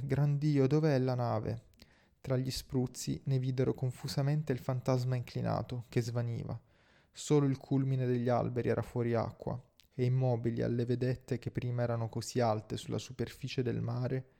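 Male narrator, gravelly, dark timbre, even and steady reading. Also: mid-range voice. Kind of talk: scripted audiobook narration.

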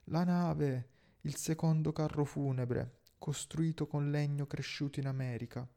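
A man's voice: medium pitch, completely flat delivery, a little slow, mellow, lightly acted. A man voicing an obsessed, proud old sea captain in grand, declaiming speeches. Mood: grandiose.

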